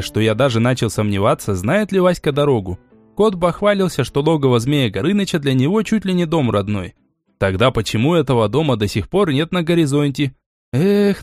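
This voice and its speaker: A man narrating a fantasy audiobook in an expressive, measured storytelling manner. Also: mid-range voice, dry recording, studio quality.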